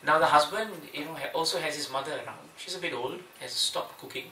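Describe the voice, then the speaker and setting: A man's voice: on the high side, fast. A man giving an evening scripture class in a home, telling a humorous story and acting out its voices. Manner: lively storyteller, acts out voices in the tale. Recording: roomy, distant mic, faint noise.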